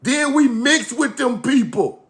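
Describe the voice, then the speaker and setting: A man's voice: very high-pitched, lively intonation, slow. A young man from Mississippi, talking casually and emphatically to his chat audience with repeated catchphrases. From Mississippi, USA. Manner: repetitive catchphrases, preachy and emphatic. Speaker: online video host.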